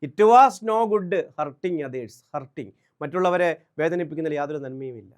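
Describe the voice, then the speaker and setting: A man with a Malayali accent teaches an exam-prep English grammar lesson in a fairly high voice. He is brisk and drilling, and he stretches each English example out slowly so students can catch it. He speaks close to the mic. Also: expressive.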